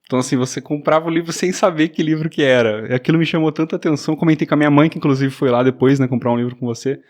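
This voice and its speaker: A man's voice: a little high, racing, a little mellow. A man hosting a podcast, asking questions in a friendly, chatty way. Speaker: podcast host. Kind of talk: casual podcast interview.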